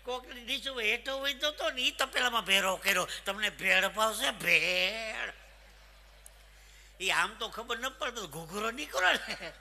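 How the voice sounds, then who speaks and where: A man's voice: extremely high pitch, moderate pace, few pauses. A man, telling jokes and funny stories to a live crowd. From Saurashtra, Gujarat. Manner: animated joke-telling, punchlines. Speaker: folk comedian. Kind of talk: live stand-up storytelling. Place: stage at a live event. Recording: echoey hall reverb.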